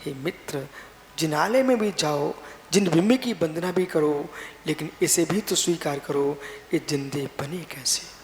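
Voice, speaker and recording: A middle-aged man, a Jain monk, preaching a sermon in an exhorting, repetitive way and often pushing up to emphatic high stress. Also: unhurried. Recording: echoey hall with faint hiss.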